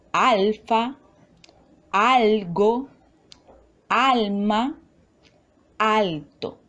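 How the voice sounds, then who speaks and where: A woman teacher talks through a recorded lesson at an unhurried, deliberate pace. Her voice sits a little high and moves up and down a lot as she sounds out each syllable with care. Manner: slow, careful, spelling out syllables.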